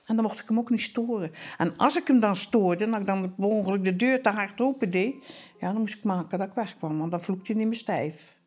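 A woman's voice: medium pitch, brisk, a little mellow. An older woman, a widow, talking plainly and wistfully in a candid documentary interview, sometimes dropping almost to a whisper. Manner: plain-spoken, wistful, drops to a near-whisper at times.

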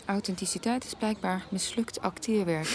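A woman in her thirties, a mother, speaking in film dialogue in a lively manner that turns indignant easily. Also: mid-range voice, slight background noise. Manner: lively, quick to get indignant. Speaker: mother and voice actress.

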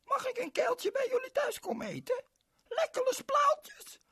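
A man's voice: very high-pitched, animated, unhurried, sharp tone, pitched above the performer's own voice, exaggerated voice. A man voicing a cheerful, chatty little girl who swaps her r sounds for l in a children's story. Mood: eager.

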